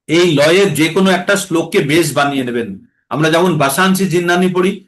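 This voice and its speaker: A man teaching a scripture class who explains verses, asks questions and answers them himself, and chants Sanskrit verses in a slow sung tone. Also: fairly high pitch, a bit bright.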